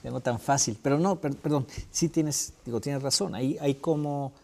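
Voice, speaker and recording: A man's voice: mid-range voice, moderate pace, creaky. A man hosting and moderating a panel, conversational and a bit jokey. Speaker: host.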